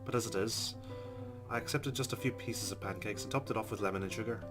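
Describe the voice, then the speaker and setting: Over game music, a let's play host with a lowish voice talks fast as he plays a visual novel on video. He reads the narration aloud and tosses in wry, chatty asides.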